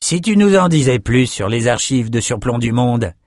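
A man's voice: medium pitch, animated, moderate pace, a little mellow, no echo, studio quality, natural voice. A man voicing a hearty, falsely cordial male reveler in an audiobook.

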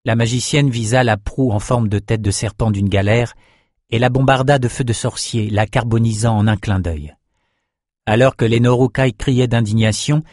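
Low-voiced man narrating an audiobook. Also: dry recording, studio quality. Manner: steady, measured storytelling. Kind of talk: scripted narration.

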